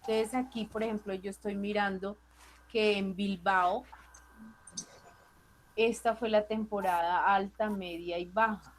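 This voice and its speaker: A woman's voice: mid-range voice, steady tone, a little slow, pauses often, rough recording. A woman teacher, walking a class through charts in a patient, question-checking way over a computer mic. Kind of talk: online class explaining spreadsheet charts.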